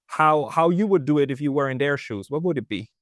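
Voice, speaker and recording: A man hosting an interview who asks long questions haltingly, restarting his words. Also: a little high, lively intonation, no room sound, studio quality. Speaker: interview host.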